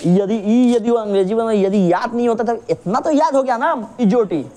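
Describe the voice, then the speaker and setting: A woman's voice: fairly high pitch, moderate pace, dark tone. A woman teacher explaining a reasoning lesson, patiently checking over and over that her student understands. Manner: patient, keeps checking understanding with repeated questions; calls the student "babu", drills with call-and-response.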